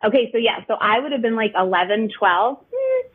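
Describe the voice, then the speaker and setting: Animated thirties woman on a tinny line. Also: a little high, a little fast, slightly rough. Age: 30s. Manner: animated, self-deprecating. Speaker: podcast guest. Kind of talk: casual podcast chat.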